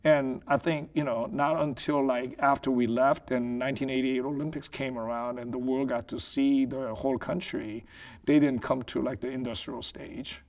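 A man's voice: medium pitch, fairly even intonation, moderate pace. A man in his forties from South Korea, a business owner recalling his life as a guest in an interview, talking thoughtfully with lots of "you know" and "like". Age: 40s. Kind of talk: casual interview. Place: living room set.

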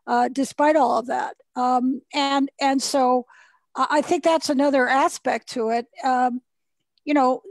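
Female journalist panelist, high voice, direct and opinionated, dry close sound. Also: a little mellow, no room sound. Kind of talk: panel discussion.

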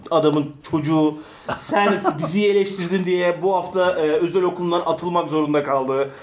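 A man's voice: fairly high pitch, fairly even intonation, normal speed. A man co-hosting a show, teasing his friends and laughing often in casual banter. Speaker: co-host. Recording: echoey room with faint noise.

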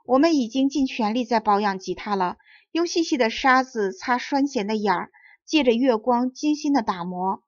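A woman's voice: fairly high pitch, expressive, normal speed, no echo, highs cut off, lightly acted. A woman voicing a small, proud crab leader who boasts and chatters eagerly.

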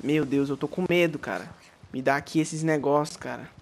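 A young man with a Brazilian Portuguese accent chatters through a let's play in slangy, profane commentary. His voice sits fairly high for a man and jumps into sharp yelps and shouts at every scare. A faint hiss stays under the recording. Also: normal speed. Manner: jumpy, yelps and shouts when startled, slangy and swearing. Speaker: gaming YouTuber.

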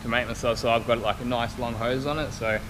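Holding an action camera at arm's length, a thirty-something man who spray-paints cars and vlogs on YouTube rambles casually through a big workshop in blokey fashion. His voice is medium-pitched and steady, and he talks fast over clear workshop noise.

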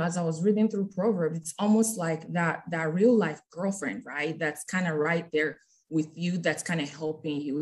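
A woman with a somewhat low voice teaches scripture in a relaxed, conversational way. She keeps checking in with her listeners with a quick "right?", heard over a group call. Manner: chatty, ends phrases with "right?". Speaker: bible study leader.

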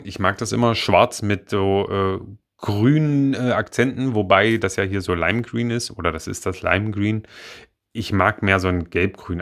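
A man's voice: lowish voice, a bit bright. A young man casually reviewing a toy car model, rambling with many fillers and self-corrections. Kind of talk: casual spoken product review.

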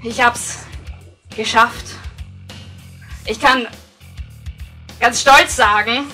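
A young woman with a Viennese accent, a wrestling champion shouting an excited promo to the crowd in a basement venue. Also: a little high, drawn-out words, faint music behind. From Vienna, Austria. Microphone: handheld mic, heard from a distance. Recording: distant live venue sound.

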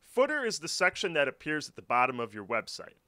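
A man with a bright, fairly high voice gives clear step-by-step instructions. His pitch moves around a lot, and he keeps a steady, scripted walkthrough delivery. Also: fairly quick. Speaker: tutorial narrator. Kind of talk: scripted screen-recording walkthrough. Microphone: voice-over.

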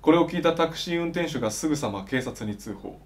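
A young man with a slightly higher-pitched voice reads the news as an anchor. His delivery is formal and polite, with measured, scripted phrasing. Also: lively intonation. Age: young adult. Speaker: newscaster in a parody news show.

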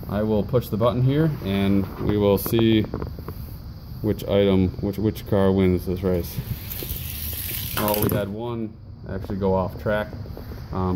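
Low-voiced man demonstrating a home build. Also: background noise. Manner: relaxed, explanatory, many ums and uhs. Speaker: hobbyist maker demonstrating his build. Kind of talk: casual show-and-tell walkthrough. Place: home basement, indoors. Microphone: handheld phone camera.

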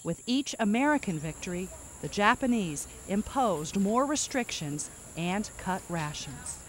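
A woman reading scripted documentary narration in a measured, matter-of-fact way. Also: medium pitch, expressive, slight background noise.

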